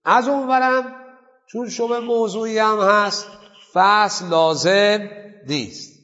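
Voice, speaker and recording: A man with a high, pushed, bright voice teaches a seminary class on Islamic jurisprudence, posing questions to his students and then answering them himself. The lecture sounds lo-fi and is set in a large hall.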